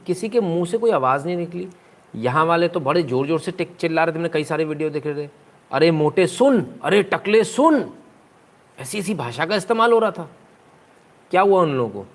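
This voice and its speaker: A man giving heated political commentary, mocking and rhetorical, with sudden loud, jeering outbursts. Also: on the high side.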